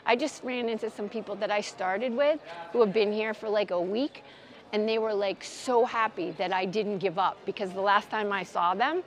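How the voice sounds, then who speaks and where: A woman's voice: mid-range voice, normal speed. A woman in her sixties from Massachusetts, answering a street interview in a big stone square and speaking earnestly and with feeling. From Massachusetts, United States. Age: 60s. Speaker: pilgrim interviewee. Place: large stone city square outdoors.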